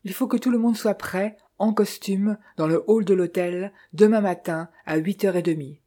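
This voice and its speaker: A narrator voicing a bald, irritable troupe manager who gives gruff orders in a storybook reading. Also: mid-range voice, moderate pace, mellow, close to an everyday voice. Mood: angry. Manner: gruff, commanding.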